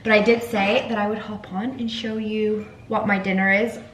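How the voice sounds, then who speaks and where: A young woman with a soft Edinburgh Scottish accent blended with Australian, chatting casually to her phone camera in a rambling vlog style. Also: medium pitch, flat delivery, moderate pace, reverberant, a little hiss or hum, rough recording. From Scotland, raised partly in Australia. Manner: chatty, rambling, frequent "like" and "you guys". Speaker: vlogger.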